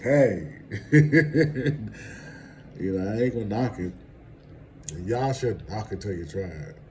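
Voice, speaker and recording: A man's voice: fairly low pitch, expressive, normal speed, dark tone, slight background noise, rough recording. A man vlogging casual celebrity gossip commentary, rambling and conversational and laughing at his own asides.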